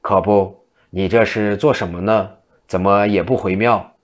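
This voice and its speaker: A seductive female demon , put on by a low-voiced male narrator coaxes and pleads in a storybook tale. The voice sits low and is barely changed from the narrator's own. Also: fairly even intonation, a little slow, dull audio, close to an everyday voice. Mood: coaxing. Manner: pleading, coaxing.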